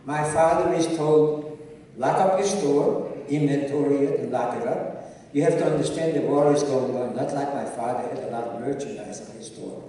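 Standing on an auditorium stage, an older Hungarian-speaking man from Czechoslovakia shares his life story as a guest speaker, addressing the audience directly in a measured, storytelling manner as personal testimony. His voice is fairly high and warm. The handheld mic is heard from the audience, giving a distant, echoey auditorium sound.

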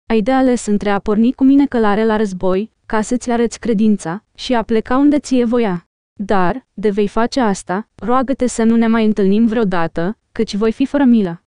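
A stern old king gives orders in a measured, commanding way, read by a woman. The voice is mellow and smooth, sitting a bit high, and close and dry, as in an audiobook booth. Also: dry recording, close to an everyday voice.

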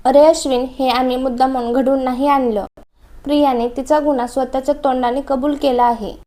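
A woman reading the lines of a stern elder brother who scolds his younger sibling, in her own high voice. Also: little pitch movement, a little fast, warm tone, close to an everyday voice. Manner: firm, scolding.

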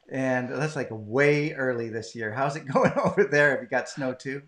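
A man's voice: mid-range voice, measured pace, a bit bright. Casual chatty Canadian man hosting. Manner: casual, chatty, laughs easily. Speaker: host. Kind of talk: live-streamed conversation. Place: home, southern British Columbia.

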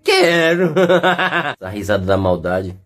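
A man voicing a brash, teasing male dog in a comic dub of animal videos, rowdy and quick to laugh. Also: mid-range voice, big pitch swings, a bit bright. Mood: cocky teasing. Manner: swings between mock threats and joking.

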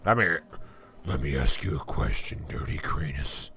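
A man's voice: rumbling low, lively intonation, unhurried, sharp tone, soft background music, full character voice. A man voicing an aging, scarred male shaman who loves a fight, in a put-on Cockney-Australian accent. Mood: gruff.

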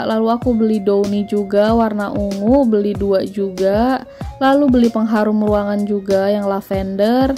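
A woman's voice: mid-range voice, warm tone. A woman, chatting through a grocery haul voice-over and listing prices. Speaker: vlogger.

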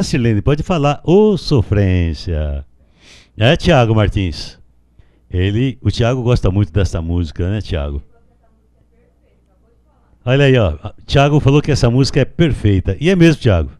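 A man's voice: medium pitch, sing-song, a little slow, pauses often, a little mellow, dry recording, clean studio sound. A man from Brazil with a rural caipira accent, a country singer chatting casually with his live audience and reading out their greetings. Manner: chatty, playful, talks straight to viewers by name.

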